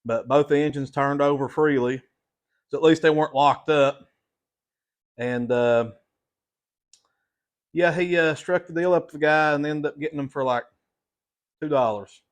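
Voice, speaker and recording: A middle-aged man, chatting casually to viewers as a vlog host in a folksy, plain-spoken, halting way. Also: a little high. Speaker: host of a hobby repair channel.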